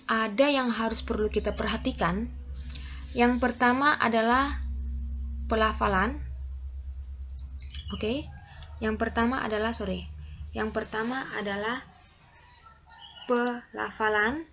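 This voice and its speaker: Woman, teacher, class lesson, fairly high voice, step-by-step with "oke" and "ya". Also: a bit bright, dull audio. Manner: explains step by step, many "oke" and "ya" check-ins.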